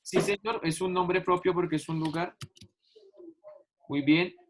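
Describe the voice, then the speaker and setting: A man's voice: sits high, steady tone, a little slow, a little hiss or hum. A male teacher explaining a lesson over a video call, patiently stretching out key words and repeating examples. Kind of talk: online class explanation.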